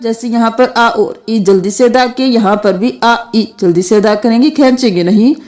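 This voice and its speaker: A woman teaching Quran recitation, chanting verses melodically and explaining the rules. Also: darkish tone. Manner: slow melodic recitation alternating with quick lower explanations. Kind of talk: tajweed lesson, slow recitation with explanations.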